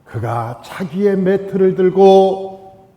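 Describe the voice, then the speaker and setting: A man's voice: high-pitched, animated, slow. Emphatic preaching man in a reverberant church. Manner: emphatic preaching, repeating phrases, swinging loud and soft. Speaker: pastor. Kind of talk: sermon. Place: church sanctuary.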